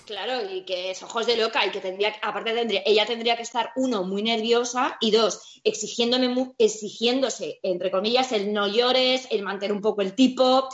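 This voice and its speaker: A woman's voice: fairly high pitch, fairly even intonation, moderate pace, hardly any pauses, reverberant, muffled recording. A woman in casual chat, talking expressively, acting out quotes and swearing freely.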